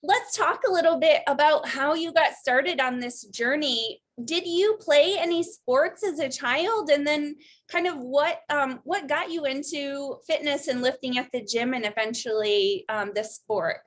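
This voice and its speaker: A woman's voice: sits high, unhurried, hardly any pauses. A young adult woman hosting a podcast interview, bubbly and gushing with enthusiasm. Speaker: podcast host. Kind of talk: casual interview chat.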